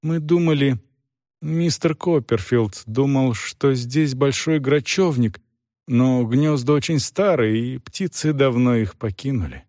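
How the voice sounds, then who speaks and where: A man's voice: medium pitch, measured pace, darkish tone, no echo, studio quality, lightly acted. A man doing a timid, trembling young widow. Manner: faltering, tremulous and helpless. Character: timid, frightened young pregnant widow, meek and fragile.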